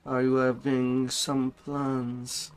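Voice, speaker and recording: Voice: medium pitch, monotone, extremely slow, smooth. A game streamer muttering idle, sparse remarks to themselves during play, in an absent-minded way.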